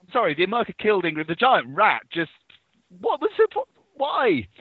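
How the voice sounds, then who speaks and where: A man's voice: high voice, wildly swooping pitch, moderate pace, husky, no echo. A man on a podcast panel giving strong opinions with dramatic swings in delivery. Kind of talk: casual panel chat. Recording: dull, dry podcast audio.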